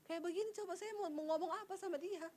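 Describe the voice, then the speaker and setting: A middle-aged woman preaches with a high, bright voice, talking with her congregation rather than at it. She keeps throwing rhetorical questions and chatty asides into the sermon. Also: fast talker. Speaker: evangelist preacher.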